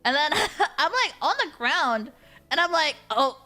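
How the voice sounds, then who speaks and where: Animated young woman telling a story. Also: high-pitched, unhurried. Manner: laughing, dramatic, swings between whispers and squeals. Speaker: vtuber streamer.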